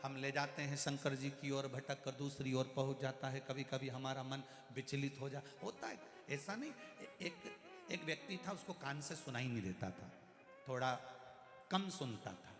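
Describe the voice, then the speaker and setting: Animated male preacher in a big echoey hall. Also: medium pitch, normal speed, music in the background. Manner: animated, lively storytelling. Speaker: katha preacher. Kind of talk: devotional sermon storytelling. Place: large live gathering.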